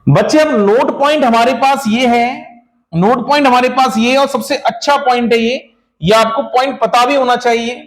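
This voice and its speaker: Speaking Hindi sprinkled with English terms, a man with a remarkably high-pitched voice lectures a class at a moderate pace. He repeatedly poses rhetorical questions to his students, addressing them as children, and goes over the main points more than once.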